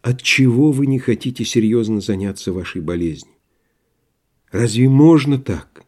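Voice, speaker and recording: A man voicing a soft-hearted older male postmaster who pleads with a friend in a gentle, tearful half-whisper. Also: mid-range voice, lively intonation, normal speed, natural voice. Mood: coaxing. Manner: soft, coaxing half-whisper with sudden gruff barks.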